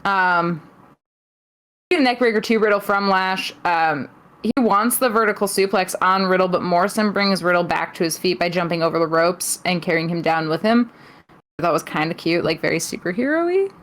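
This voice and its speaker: A woman's voice: on the low side, normal speed, fairly bright tone. A woman co-hosting a podcast, giving a casual recap filled with ums and wry asides. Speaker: podcast co-host. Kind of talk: casual wrestling event recap.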